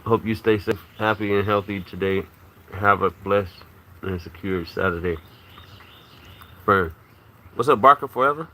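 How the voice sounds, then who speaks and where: A man's voice: lowish voice, measured pace, long pauses, sharp tone. A man with a Virginia accent hosting a casual livestream, greeting chat by name and ranting loosely with lots of swearing, his speech a bit thick from a swollen wisdom tooth. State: swollen wisdom tooth, mouth not fully closing. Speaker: livestream host.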